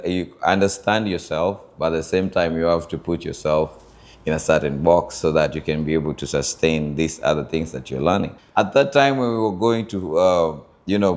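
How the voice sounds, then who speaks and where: A man from Kenya with a Kenyan accent, telling his life story in an interview and often pausing with fillers as he searches for words. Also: low voice, darkish tone. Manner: thoughtful, searching for words with many pauses and fillers. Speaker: interview guest, founder of a culture group.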